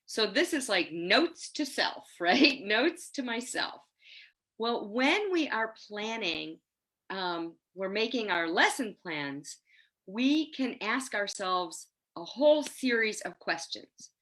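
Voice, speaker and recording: A woman in her sixties leading an online teacher-training webinar over a video call, enthusiastic and quick to laugh. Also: medium pitch. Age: 60s. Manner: lively, enthusiastic, laughs often. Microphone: laptop webcam on a video call.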